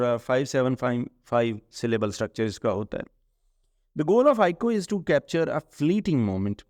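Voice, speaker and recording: Smooth-voiced male literature lecturer. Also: mid-range voice, darkish tone, dry recording, clean studio sound. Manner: mixes Hindi-Urdu with English, reads English passages slowly and deliberately. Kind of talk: classroom lecture.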